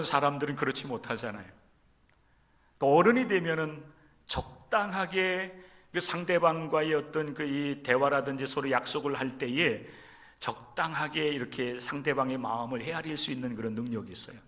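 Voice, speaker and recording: Pastor preaching with fervent swells and hushes. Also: male voice, on the high side, normal speed. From Chungcheong region, Korea. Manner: swings between loud emphatic stresses and soft near-whispers; addresses the congregation directly and often. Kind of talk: sermon. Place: church sanctuary during a service.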